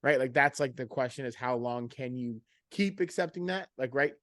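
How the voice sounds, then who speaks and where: Animated rambling man, dry close sound. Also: medium pitch, normal speed, no room sound. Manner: animated, rambling, self-interrupting. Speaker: podcast co-host. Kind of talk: casual sports chat.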